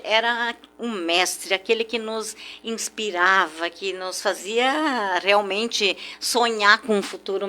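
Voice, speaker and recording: An older woman with a mid-range voice, a guest on a radio program, warmly reminisces in a nostalgic interview. She comes from a German-speaking community in southern Brazil, German is her first language, and she keeps tagging her sentences with "né?".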